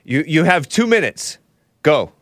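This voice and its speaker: A man hosting a call-in show in a casual, low-key way with brief responses. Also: big pitch swings, unhurried, no echo, studio quality. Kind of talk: casual talk-show chat.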